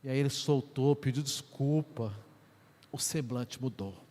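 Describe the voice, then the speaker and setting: A parish priest, preaching as an animated storyteller who swings between hushed and loud. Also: male voice, mid-range voice, unhurried. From Brazil. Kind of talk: sermon storytelling. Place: church. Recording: echoey church with long reverb.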